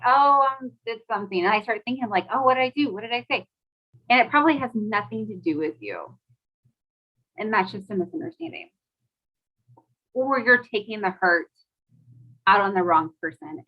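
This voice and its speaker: A woman's voice: fairly low pitch, highs cut off. A woman, a mother, talking casually to a live audience, chatty and full of "like"s, asking them questions. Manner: chatty, many "like"s, asks the audience questions, laughs often. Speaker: host of a live talk.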